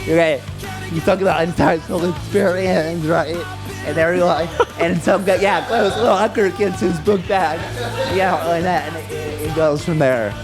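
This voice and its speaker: A man co-hosting a comedy podcast in casual chat. He rambles excitedly and often restarts his sentences. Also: on the high side, unhurried, over music.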